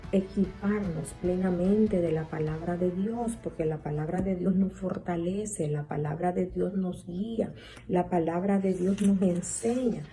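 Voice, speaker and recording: A woman delivers a sermon in a very dark, mellow voice. She stacks repeated phrases for emphasis and keeps checking in with her listeners. Soft music plays faintly behind her. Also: on the low side, poor audio. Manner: repetitive, emphatic preaching with tag questions. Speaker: preacher.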